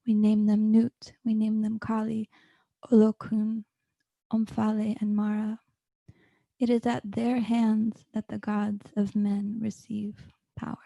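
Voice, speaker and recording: A woman reciting poetry in a solemn, deliberate manner, as at a reading. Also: medium pitch, monotone, creaky, dark tone, no echo, highs cut off. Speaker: poetry reader.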